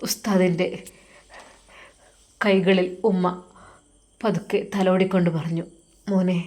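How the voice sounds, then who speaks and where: A woman's voice: fairly low pitch, steady tone, normal speed, warm tone. A woman narrating a moral story in an earnest, dramatic way.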